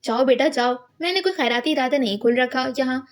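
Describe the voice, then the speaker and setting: A woman's voice: high voice, brisk, close to an everyday voice. A woman voicing a brusque, dismissive male food stall owner in a storybook reading.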